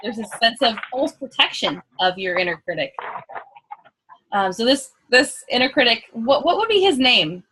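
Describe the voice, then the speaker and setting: A woman's voice: on the high side, sing-song, normal speed, fairly bright tone, husky, poor audio. Upbeat, probing woman coach. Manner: curious, probing, upbeat, laughs easily. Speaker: coach trainer. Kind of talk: live coaching demonstration.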